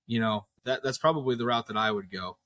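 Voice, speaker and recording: A man's voice: medium pitch, fast talker, a bit bright. A man in casual shop talk, explaining technical machining steps one by one like an experienced machinist advising a colleague. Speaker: machinist advising a fellow knifemaker.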